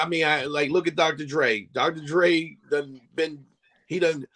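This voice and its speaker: A man co-hosting a podcast, chatting casually and telling stories with lots of repeated phrases. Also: fairly high pitch. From New Jersey. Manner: animated storytelling, repeats phrases. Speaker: podcast co-host. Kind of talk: casual chat.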